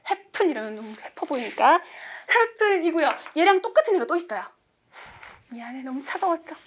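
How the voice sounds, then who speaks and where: High-pitched woman in her 40s teaching english, quizzes the class, cracks jokes. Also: sing-song, normal speed. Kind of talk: classroom lecture.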